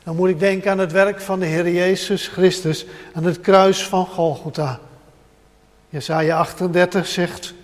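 A man's voice: sits high, steady tone, normal speed. A man preaching a sermon with emphasis, repeating short phrases as he builds up, speaking directly to his listeners. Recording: long hall reverb.

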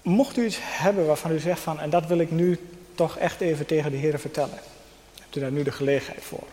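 A man preaching a sermon with personal testimony, earnest, with pauses and soft emphasis. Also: a little high. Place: church hall. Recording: long hall reverb.

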